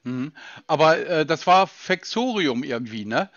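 A man with a lively, animated pitch who keeps needling the caller with dry, skeptical questions. His voice is close and dry with no room sound. The audio is a little dull and lo-fi. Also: measured pace, dry recording. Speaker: call recipient.

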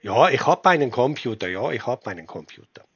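A man in a prank phone call, talking slowly and pedantically while pretending to be confused. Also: mid-range voice, sing-song, a bit bright, husky, dry recording. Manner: slow, pedantic, feigning confusion. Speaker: prank caller baiting a scammer.

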